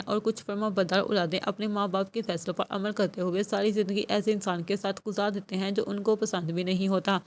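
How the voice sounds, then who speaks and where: A woman narrating a novel aloud in a steady, measured reading voice. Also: medium pitch. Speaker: novel reader. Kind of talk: scripted audiobook narration.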